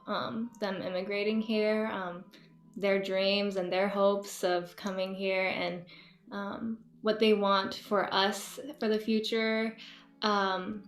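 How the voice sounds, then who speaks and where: A young woman from the Bay Area telling her personal story as a community theater performer, in a casual way with many fillers. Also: mid-range voice. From Bay Area, USA. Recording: echoey room.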